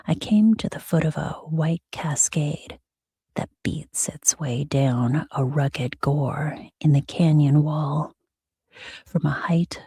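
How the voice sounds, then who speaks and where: A woman reading as a sleep story narrator in a hushed, soothing, breathy ASMR whisper with soft pauses. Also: sits low, dry recording, clean studio sound.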